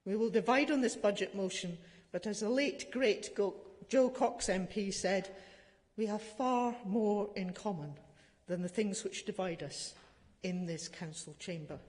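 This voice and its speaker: A woman's voice: medium pitch, unhurried, a little mellow. A woman giving a passionate, indignant political speech as a councillor, emphatic and rhetorical. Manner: emphatic, rhetorical, building lists and repetitions. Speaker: city councillor. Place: large council chamber, indoors. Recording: echoey hall with long reverb.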